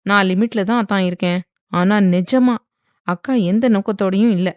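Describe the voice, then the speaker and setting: Casting: a teasing, pouty young wife with quick comebacks, read by a woman narrator. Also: medium pitch, no room sound, lightly acted. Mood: earnest. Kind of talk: dramatized audiobook reading.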